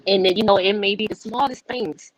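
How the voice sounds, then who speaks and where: A woman's voice: medium pitch, a little fast, no room sound, rough recording. A woman with a Southern US accent who owns a restaurant, speaking as an interview guest. She tells personal stories in an earnest, heartfelt way and repeats herself when she is moved. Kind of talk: emotional personal storytelling.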